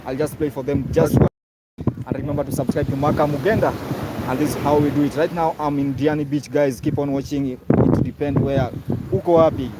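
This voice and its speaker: A high-voiced man with a Kenyan accent hosts a casual livestream from a beach. He talks chattily to viewers and calls people bro. The outdoor phone recording is very noisy with wind. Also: steady tone, brisk. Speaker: musician hosting a livestream. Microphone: handheld phone, no external mic. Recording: windy outdoor beach livestream, loud noise.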